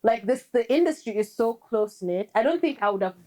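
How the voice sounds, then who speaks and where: A young woman from Kenya with an American-tinged accent, chatting candidly as a guest musician in a casual interview, quick and rambling with many fillers. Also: on the high side, expressive, a little mellow.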